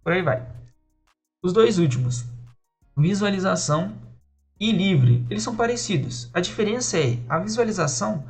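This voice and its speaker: A man's voice: sits high, lively intonation, normal speed, pauses often, a little mellow, soft background music. A man casually explaining the magic rules of a tabletop role-playing game, talking loosely and checking in with listeners as he goes. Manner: loose, conversational, many fillers and rhetorical checks. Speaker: tabletop RPG system designer explaining rules.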